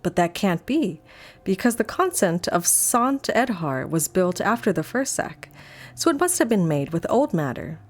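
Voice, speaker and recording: A woman's voice: fairly low pitch, very animated, unhurried. A woman voicing a nerdy know-it-all young boy who lectures in a blunt, matter-of-fact way. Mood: lecturing.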